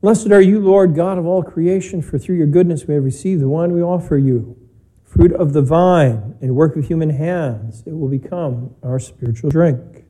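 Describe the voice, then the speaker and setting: A priest speaks into a pulpit microphone in a church, his voice mellow and warm but pitched a little high. He is measured and plain-spoken, with a touch of gentle humor, as he preaches and leads the spoken prayers of the Mass. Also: rough recording. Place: church during a broadcast Mass.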